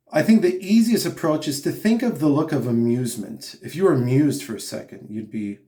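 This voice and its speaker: A male vocal coach explains singing technique in a calm, patient manner, breaking off for brief hums and sung vowels. His voice is mellow and relaxed, sitting in an ordinary middle pitch, and he is heard in a roomy, echoey space. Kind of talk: singing lesson, spoken instruction.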